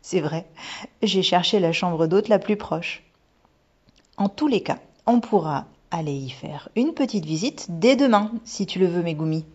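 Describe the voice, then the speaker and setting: A woman voicing a gentle mother who speaks in a teasing, mysterious way. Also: fairly low pitch, lively intonation, measured pace, breathy edge. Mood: playful. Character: gentle playful mother with a secret. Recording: dull lo-fi recording.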